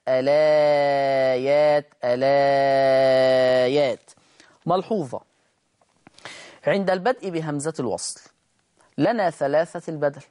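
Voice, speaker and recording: A man's voice: on the high side, a little mellow. Egyptian man teaching quran recitation. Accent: Egyptian Arabic. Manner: explains quickly in a mix of dialect and formal Arabic, then slowly chants example words. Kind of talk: televised Quran recitation lesson.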